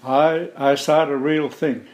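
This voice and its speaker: A middle-aged man from Alaska, a native Yupik speaker, answering interview questions in a plain, measured way. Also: on the high side, fairly even intonation, a little hiss or hum. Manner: slow, plain-spoken, measured. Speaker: interview guest. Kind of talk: relaxed conversational interview.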